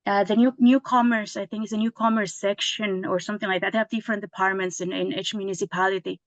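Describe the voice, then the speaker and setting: A woman's voice: medium pitch, steady tone, fast, dry recording. A woman, a lawyer telling her story in a casual interview, chatty with many restarts and tag questions. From Mexico. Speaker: guest lawyer.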